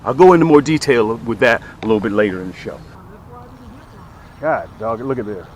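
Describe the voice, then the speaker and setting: At normal speed and medium pitch, with a little hiss or hum, a man runs an outdoor fishing vlog, exclaiming and repeating phrases for emphasis as he demonstrates and sells tackle.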